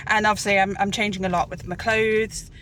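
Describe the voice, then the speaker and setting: A woman's voice: medium pitch, moderate pace, fairly bright tone, a little hiss or hum. Chatty woman vlogging on a phone. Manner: chatty, laughs often. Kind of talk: casual vlog to phone camera. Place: hospital corridors, then a car. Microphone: handheld phone.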